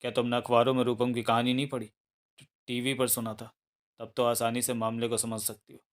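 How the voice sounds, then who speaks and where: A man's voice: mid-range voice, a little fast, close to an everyday voice. A man voicing a confused young husband who claims to be another man, in a read-aloud thriller novel. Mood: calm explaining. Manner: bewildered then calm and explaining.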